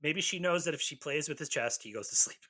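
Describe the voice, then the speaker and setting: Wry, lively-voiced male podcast co-host. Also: fairly high pitch, quick pace. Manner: wry, joking, lots of fillers and restarts. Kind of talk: casual chat.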